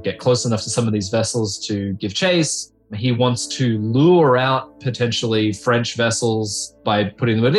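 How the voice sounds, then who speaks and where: Man explaining history conversationally. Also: mid-range voice. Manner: explanatory, conversational, checks in with "right?". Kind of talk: interview commentary.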